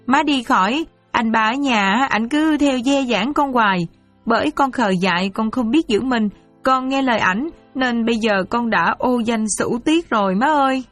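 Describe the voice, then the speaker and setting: A woman's voice: on the high side, moderate pace, faint music behind, voice pushed up, lightly acted. A woman voicing a sobbing young daughter. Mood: tearful. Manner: tearful, sobbing plea. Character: young daughter, ashamed and weeping.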